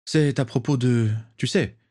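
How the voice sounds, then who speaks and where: A man voicing an eager, excitable young aristocratic wizard who speaks earnestly. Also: medium pitch, measured pace, pitched above the performer's own voice, close to an everyday voice. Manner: animated, earnest.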